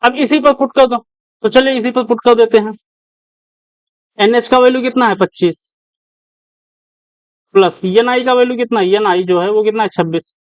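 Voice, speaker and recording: Male coaching teacher, talks through sums, asks the class as he goes, crisp dry sound. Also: very high voice, fairly even intonation, moderate pace, pauses often, no room sound, poor audio. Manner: repeats questions to the class as he works. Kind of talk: step-by-step problem solving lesson.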